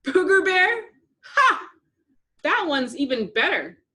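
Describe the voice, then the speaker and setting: Woman doing tough little girl, hot-tempered, loud, mocking, high and lively. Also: moderate pace. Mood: teasing.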